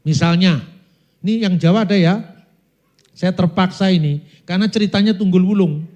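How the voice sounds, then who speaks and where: Male preacher with a high voice, storytelling sermon style, speaks straight to the congregation. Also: normal speed, darkish tone. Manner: storytelling, addresses the audience as brothers and sisters; breaks into sung demonstrations. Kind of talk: church teaching talk.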